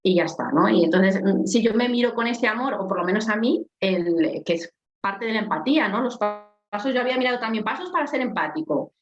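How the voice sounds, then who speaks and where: A woman with a strong voice, talking on a coaching podcast. She keeps it casual and animated and acts out small scenes as she goes. The recording is echoey and a little dull. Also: on the high side, fairly quick, faint music behind. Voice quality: strong, forceful voice. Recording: echoey, slightly dull sound.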